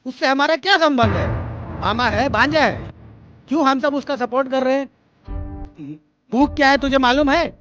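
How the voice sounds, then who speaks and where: A man dubbing a streetwise tough who lectures roughly and with scorn. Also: extremely high pitch, normal speed, pauses often, fairly bright tone, soft background music. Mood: scornful. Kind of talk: Hindi film dub. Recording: slightly dull with faint hiss.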